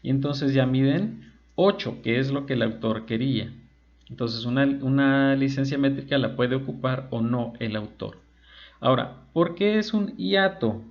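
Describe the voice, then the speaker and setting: Gravelly man giving a slow lecture. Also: mid-range voice, animated. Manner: slow, explanatory, spells out examples. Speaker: teacher. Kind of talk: recorded lecture. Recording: dull lo-fi recording.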